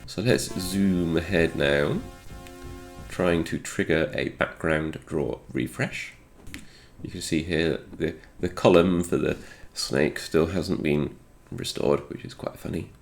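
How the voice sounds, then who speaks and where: A man with a very creaky, low, slightly congested voice, still recovering from a cold, hosts a retro game programming video. He speaks slowly in an unscripted screen walkthrough, musing and reasoning aloud, with faint music in the background.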